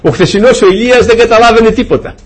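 Husky-voiced preacher telling a story. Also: male voice, very high voice. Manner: lively storytelling, acting out quoted dialogue with humor. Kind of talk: sermon.

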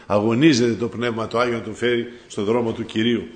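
A man preaching a sermon, addressing his listeners as brothers, fervent and rising to loud cries when he quotes. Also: medium pitch, little pitch movement.

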